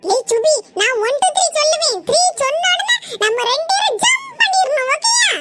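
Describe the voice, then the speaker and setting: A performer voicing bickering small village children in a cartoon, with a Tirunelveli-Kanyakumari Tamil accent and a shrill, teasing manner. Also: very animated, moderate pace, pushed and bright, full character voice. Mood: playful. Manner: shrill, squabbling, teasing banter. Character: bickering small village kids, boy and girls. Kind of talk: cartoon voice acting. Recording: noisy cartoon audio.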